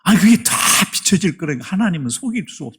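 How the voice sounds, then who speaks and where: A middle-aged male pastor delivers a sermon in a church with a gravelly, husky voice. His voice sits a little high for a man. He preaches emphatically and drops to hushed asides before rising to loud appeals. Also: very animated, fast. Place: church sanctuary.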